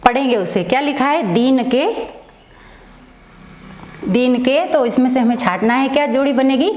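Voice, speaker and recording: Female schoolteacher, bright higher voice, asks and answers her own questions, echoey room. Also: moderate pace. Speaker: Hindi teacher. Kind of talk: online classroom lesson.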